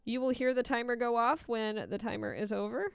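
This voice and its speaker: Female livestream host, smooth clear voice, playful chatty delivery, close dry sound over music. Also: a little high, steady tone, a little fast, dry recording. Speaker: livestream host and Etch A Sketch artist. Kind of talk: casual livestream chat and running commentary to viewers.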